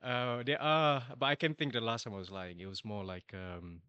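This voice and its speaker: A man's voice: medium pitch, steady tone, moderate pace, sharp tone, smooth, no echo, dull audio. A man from Malaysia, a startup founder, chatting casually as an interview guest, laughing often and tagging "you know".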